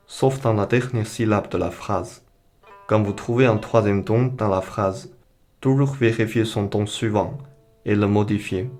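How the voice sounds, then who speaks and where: Male language teacher, low voice, very slow and deliberate, patient beginner lesson. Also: darkish tone. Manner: slow, careful explanation with modeled pronunciation.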